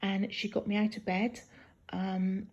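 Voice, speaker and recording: A woman talking casually in a halting video diary from a hospital room, sounding weak and tired and in some pain hours after surgery. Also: medium pitch, little pitch movement, darkish tone, highs cut off. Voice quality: husky, creaky. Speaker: patient recording a post-op video diary.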